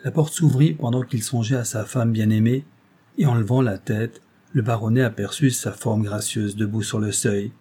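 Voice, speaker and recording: A man narrating a classic novel as an audiobook in a measured, steady storytelling manner. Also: lowish voice, breathy edge.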